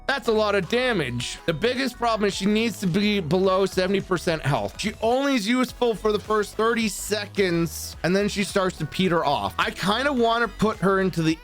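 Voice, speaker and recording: A young man with a notably high-pitched voice talks through a game tier list in a casual, blunt way. He reads out skill descriptions and reacts to them, swearing now and then, with faint music playing underneath. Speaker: gaming YouTuber ranking characters.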